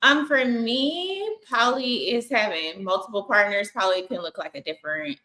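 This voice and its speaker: A woman's voice: mid-range voice, moderate pace, pushed and bright, low-quality recording. A woman, teasing and blunt in a casual podcast chat.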